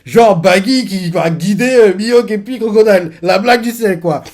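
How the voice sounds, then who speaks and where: Man, manga reaction youtuber, fairly high voice, casual commentary, filler words. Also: moderate pace, darkish tone. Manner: lots of fillers, laughs as he reacts.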